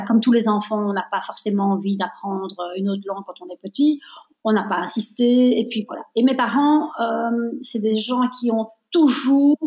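A woman's voice: fairly high pitch, warm tone, roomy sound. Reflective Belgian-born woman in her fifties. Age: 50s. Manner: reflective, slow emphatic phrasing with many fillers. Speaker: guest. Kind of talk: conversational interview.

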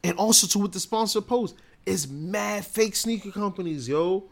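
A man's voice: high voice, moderate pace, gravelly. A man co-hosting a casual podcast, ranting in slangy, petty complaints. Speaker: podcast co-host. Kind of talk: casual chat.

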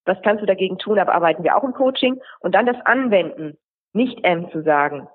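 Woman, rhetoric coach, husky voice, tinny phone-like line, explains in long runs. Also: mid-range voice, expressive, a little fast. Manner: explanatory, lists examples in runs. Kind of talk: podcast interview answers.

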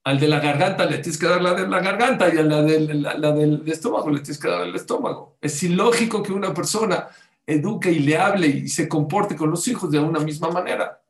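A religious teacher preaches to his listeners, often stopping to ask them questions and weaving in Hebrew sayings. His voice sits a little high for a man. The room around him is echoey. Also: fairly quick. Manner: asks the audience rhetorical questions, cites Hebrew sources. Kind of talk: sermon-style talk on parenting.

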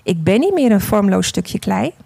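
A woman's voice: medium pitch, very animated, normal speed, vocal fry, mellow, breathy edge, no room sound, full character voice. A woman voicing a fragile, emotional clay vase that cries out in a storytelling sermon. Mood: grateful. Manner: pleading, cries out.

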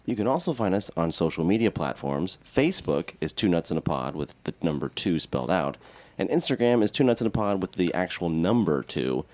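A man's voice: deep voice, sing-song, a little fast, few pauses, darkish tone, no room sound. A man co-hosting a radio podcast in a casual, tongue-in-cheek, joking way. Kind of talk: casual, joking show announcements.

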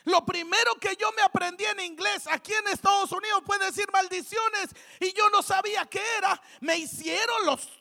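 A woman preacher, delivering a fervent sermon in church, shouting out refrains between joking asides. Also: extremely high pitch, steady tone, normal speed, gravelly, few pauses.

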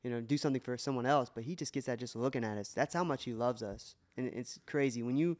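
Speaking quickly in a mid-range, darkish voice, a man co-hosting a laid-back faith podcast offers an earnest, emotional testimony full of restarts.

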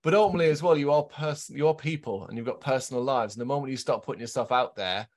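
A man hosting a podcast interview, asking measured, thoughtful questions. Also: medium pitch.

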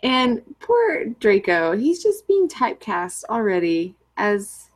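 Give me a woman at an ordinary pitch chatting on a podcast, upbeat and playful. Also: very animated, slow. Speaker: podcast co-host. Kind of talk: casual chat.

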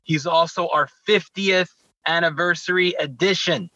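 An enthusiastic male co-host with an effusive, hype-building way of talking. His voice is bright and forward, and it comes through on a dull, dry recording. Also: on the high side, fairly even intonation, moderate pace, dry recording. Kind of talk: casual podcast chat.

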